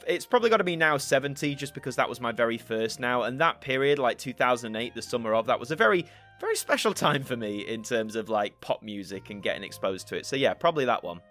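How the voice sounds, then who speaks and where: Hosting a casual Q&A on his YouTube channel, a young man from Yorkshire, England, chats and thinks aloud while soft music plays behind him. His accent is a northern English mix, mostly Yorkshire. He's a fast, animated talker with a mid-range voice and a fairly bright tone.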